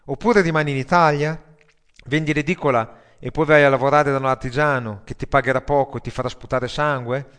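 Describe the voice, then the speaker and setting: A man voicing a sardonic, foul-mouthed male metalhead worker who grumbles and swears loudly. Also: mid-range voice, steady tone, fairly quick, clean tone, lightly acted. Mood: grumbling.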